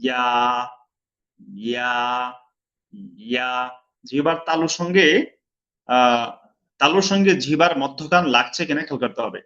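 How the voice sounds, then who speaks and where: With patience and a slow pace, a Quran recitation teacher repeats each letter's sound in an online pronunciation lesson, sometimes chanting it out at length. He has a Bangladeshi Bengali accent and a fairly high, animated, sharp voice, recorded with lo-fi sound.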